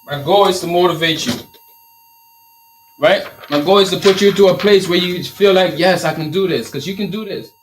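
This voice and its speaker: This Liberian host, with a Liberian accent, answers questions casually on a live stream about his t-shirt company, driving points home through energetic, motivational repetition. His voice is high-pitched at a normal speed, with slight background noise.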